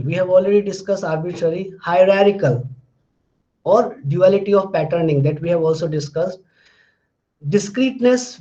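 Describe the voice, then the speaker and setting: This Hindi-speaking Indian man delivers a methodical linguistics lecture in Indian English, recapping terms and ending points with "fine." His voice is high-pitched but dark in tone, and the recording sounds muffled.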